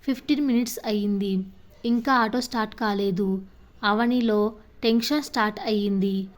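A young woman narrating a story in a steady, plain reading style. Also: on the high side, moderate pace.

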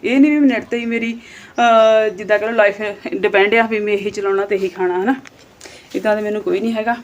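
A woman's voice: medium pitch, steady tone, quick pace, lo-fi sound. Outspoken Punjabi woman vlogger. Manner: scolding, plain-spoken, rising to emphatic. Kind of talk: casual vlog talk to viewers.

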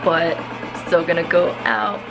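A young woman chatting casually in a vlog, sick and hoarse from losing her voice. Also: fairly low pitch, measured pace, over music, low-quality recording. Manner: laid-back, chatty. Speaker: vlogger.

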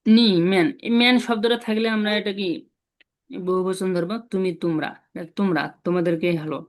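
A man teaching a Chinese class online. He repeats syllables slowly and asks his students questions as he goes. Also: high voice, steady tone. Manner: drills syllables slowly, repeating them often.

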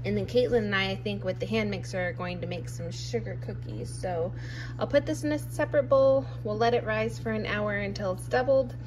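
A woman's voice: medium pitch, brisk, background noise. Woman, 30s, casual home-baking vlogger; chatty and rambling, small laughs, phone camera in a home kitchen.

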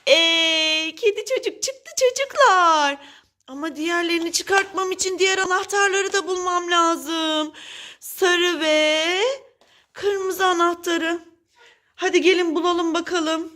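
A woman with a very high voice tells a playful toy story for children. She speaks slowly and clearly, with animated exclamations, and talks straight to the children watching. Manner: animated, addresses children directly, exclaims often. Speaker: children's toy-play presenter.

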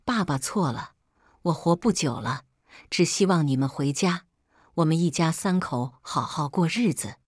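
A woman's voice: lowish voice, animated, moderate pace, husky, dry recording, clean studio sound. A woman reading a pleading dying father. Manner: pleading, apologetic. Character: remorseful dying middle-aged father, pleading. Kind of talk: storybook character reading.

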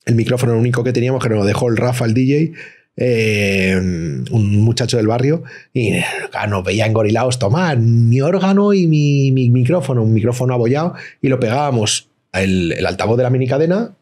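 A man, a rapper guest telling stories in slangy, animated casual chat. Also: mid-range voice, brisk. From Madrid, Spain. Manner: slangy, animated storytelling with acted-out voices.

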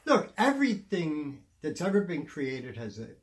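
Older male guest, animated and pitch-varied, dispensing folksy pep-talk advice. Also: a little slow. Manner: animated, folksy advice-giving with many "you know"s. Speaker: guest, music industry veteran. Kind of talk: motivational interview talk.

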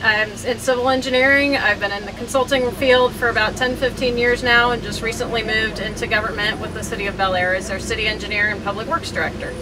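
A woman's voice: fairly high pitch, fairly even intonation, fast, few pauses. A middle-aged American woman giving plain, conversational interview answers from inside a van. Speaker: interview guest, engineer. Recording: clear vehicle and fan noise.

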